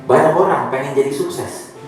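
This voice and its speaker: A man's voice: medium pitch, normal speed, heavy reverb, distant mic, soft background music, poor audio. A male pastor from Indonesia preaching a sermon, asking the congregation questions and joking. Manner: lively preaching, asks the congregation questions, jokes. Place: church hall.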